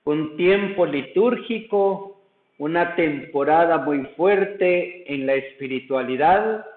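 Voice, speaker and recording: A man with a Guatemalan accent, a priest celebrating mass in a parish church, praying and preaching in a slow, solemn liturgical way. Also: on the high side. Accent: Guatemalan Spanish. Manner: slow, solemn liturgical delivery, sings doxology. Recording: echoey church over a tinny line.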